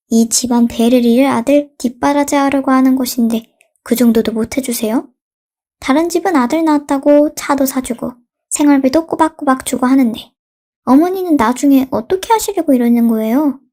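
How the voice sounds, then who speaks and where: A woman's voice: high-pitched, normal speed, dark tone. A woman voicing a demanding young daughter-in-law in a read-aloud radio story. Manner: demanding, indignant.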